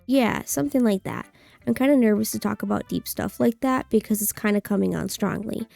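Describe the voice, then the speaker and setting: A woman streamer voicing a gentle, thoughtful schoolgirl poet who leads a club in a visual novel game, calm and encouraging. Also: mid-range voice, a little fast, gravelly, no echo, faint music behind. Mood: gentle, shy.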